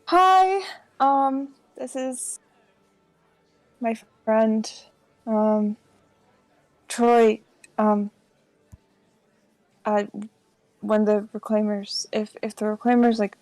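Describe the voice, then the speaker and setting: A woman voices an earnest young changeling adventurer in a tabletop game, laying out a plan slowly and carefully. She speaks in a dry, close voice. There are many pauses along the way. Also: a little high, a little mellow, no room sound, rough recording. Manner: halting and careful, many ums.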